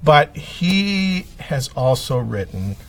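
A man's voice: fairly high pitch, sing-song, slow pace, a bit bright, recorded from a distance. Hesitant man recommending books, off-mic. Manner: hesitant, lots of ums, lists titles. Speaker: librarian guest. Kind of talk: casual radio chat.

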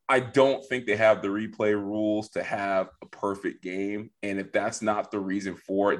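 A man hosting a sports podcast, moving the segments along in a playful, teasing way. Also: fairly low pitch. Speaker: podcast host. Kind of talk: casual sports chat.

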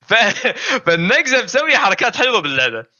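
A Gulf Arabic man with a very bright, forward voice speaks quickly and with animation in casual chat. His voice sits a little high. The recording is dull and lo-fi. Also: very animated, dry recording. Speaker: guest gamer.

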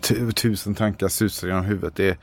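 Low-voiced stammering Swedish man. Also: fairly even intonation, creaky, a little hiss or hum. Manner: hesitant, stammering, thinking aloud. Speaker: player. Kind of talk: in-character tabletop role-play. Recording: faint music behind.

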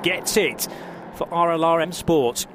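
A man's voice: on the high side, measured pace. A man commentating live on a motor race as a motorsport commentator. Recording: clear trackside engine and vehicle noise. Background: car engines and outdoor track ambience.

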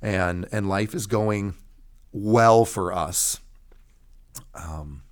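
With a lowish voice and drawn-out words, a middle-aged American pastor recounts his testimony during an interview. His delivery is preacher-like and emphatic, built on brief phrases he repeats.

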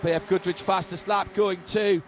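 A man commentates on live motorsport in a high-pitched voice. He gives vivid play-by-play with dry, wry humour. Race cars and trackside noise are clearly heard behind him. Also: steady tone, normal speed. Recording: trackside broadcast with loud engine noise. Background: racing cars and trackside ambience.

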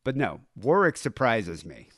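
A man's voice: medium pitch, very animated, slow pace, fairly bright tone, dry recording, studio quality. A man with a nasal voice hosting a casual, profane, rambling podcast conversation. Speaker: podcast host.

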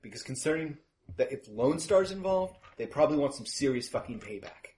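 A man voicing a jumpy, foul-mouthed male security courier in a tabletop game, high-strung and swearing, with light noise behind him. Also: expressive, brisk, a little mellow, natural voice. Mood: gruff warning. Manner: panicky and high-strung, cursing.

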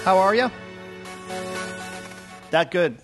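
Man, thirties, pastor, casual sermon, upbeat, chatty, fairly high voice. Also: animated, takes it slowly, music in the background. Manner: chatty and upbeat, many fillers and restarts.

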